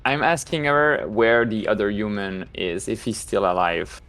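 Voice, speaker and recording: A man with a lowish voice talks casually as a player in a tabletop roleplaying session. His English has non-native phrasing, and music plays under his voice. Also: expressive, moderate pace, fairly bright tone, clean tone.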